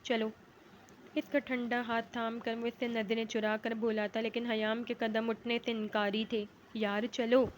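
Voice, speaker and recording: A woman reads a romance novel aloud in a steady, measured way. Her voice is fairly high and keeps a flat, even line. A faint noise sits behind her. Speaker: novel reader.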